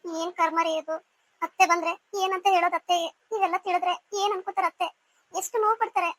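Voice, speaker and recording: A woman's voice: extremely high pitch, steady tone, fast talker, fairly bright tone, poor audio. A woman voicing a fussy, caring sister-in-law in a cartoon serial, alternately scolding and consoling.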